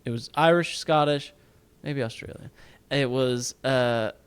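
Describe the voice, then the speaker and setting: A man's voice: mid-range voice, unhurried, smooth. Joking young man on a casual podcast. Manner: joking, reads facts aloud, tries put-on accents. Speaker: podcast co-host. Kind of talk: casual chat.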